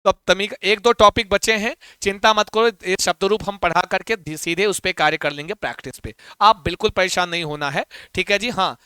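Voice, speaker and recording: A man's voice: high voice, a little fast, few pauses, sharp tone, clean tone, no echo. A male teacher running a live exam-prep class, chanting grammar forms. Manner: rhythmic rote chanting with repeated reassurance to students.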